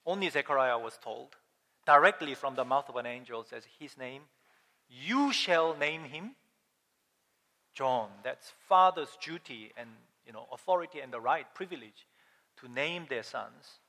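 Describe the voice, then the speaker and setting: A man's voice: medium pitch, a little slow. Emphatic preacher man in a reverberant hall. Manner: animated, emphatic, asks the congregation questions. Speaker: pastor. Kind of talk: sermon.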